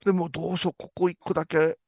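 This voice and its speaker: A man's voice: a little high, fast talker, gravelly, dry recording. A man with a Kansai accent, a Buddhist monk co-hosting a comedic chat show, telling stories and acting out the voices in them. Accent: Kansai Japanese. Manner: animated storytelling, acting out voices in anecdotes.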